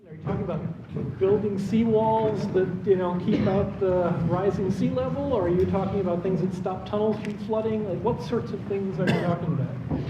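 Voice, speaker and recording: Male audience member with a high voice, probing question, distant, echoey and muffled. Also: fairly even intonation, moderate pace. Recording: distant, echoey, dull with loud room noise.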